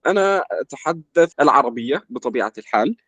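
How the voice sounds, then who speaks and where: A young man from Egypt, a language student in an interview, explaining at a measured pace with lots of filler words. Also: medium pitch, animated, fairly bright tone, slightly rough, dry recording. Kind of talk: casual conversation in formal Arabic.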